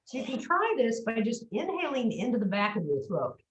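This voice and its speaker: A woman's voice: on the high side, sing-song, brisk, roomy sound, muffled recording. A woman speech coach giving an instructive, demonstrative lesson on voice, speaking without a microphone.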